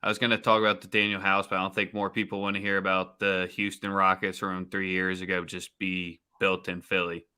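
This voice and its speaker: A man's voice: sits low, completely flat delivery, fairly quick, few pauses, bright, forceful tone, clean tone. A man co-hosting a casual sports betting show, talking loosely with jokes and slang. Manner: loose, joking, slangy delivery. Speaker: podcast co-host.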